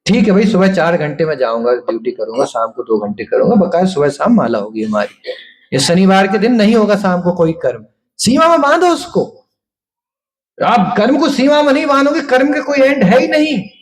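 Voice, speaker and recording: Lively, high-voiced man preaching. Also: brisk. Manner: animated storytelling, playfully acts out people. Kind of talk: devotional talk.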